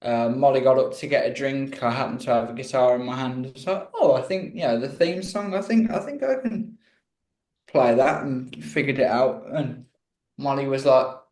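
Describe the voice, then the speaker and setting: A man's voice: mid-range voice, animated, normal speed, darkish tone, roomy sound, rough recording. A man from Birmingham, England, chatting as a guest musician in a casual interview, rambling and self-deprecating.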